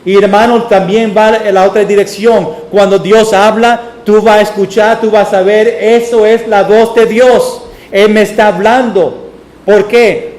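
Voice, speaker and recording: A man's voice: high voice, darkish tone. A male pastor preaching a sermon in a church. He tells stories and acts out the voices he quotes. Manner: storytelling, acting out quoted voices. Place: church sanctuary. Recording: echoey church room.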